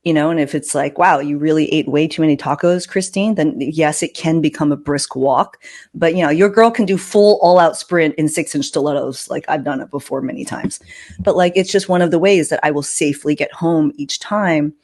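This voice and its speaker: This podcast host is a woman with a low, somewhat mellow voice at a moderate pace. She chats casually, telling personal anecdotes with emphatic delivery and joking asides.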